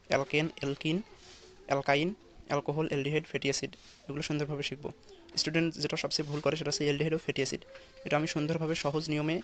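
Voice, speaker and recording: Fast-talking male chemistry tutor. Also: a little high. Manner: repeats steps, asks and answers his own questions. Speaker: chemistry teacher. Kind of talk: recorded online lesson.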